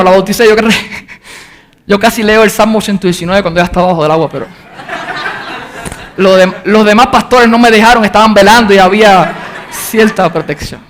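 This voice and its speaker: With a high-pitched voice, a pastor earnestly delivers a sermon, reading from scripture. When recounting the crowd's cries, he shouts them out.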